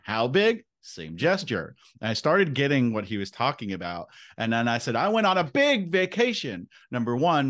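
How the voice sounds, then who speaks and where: A man hosting a podcast interview, telling stories in an animated, conversational way. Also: lowish voice, no echo, studio quality. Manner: animated storytelling with examples. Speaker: podcast host.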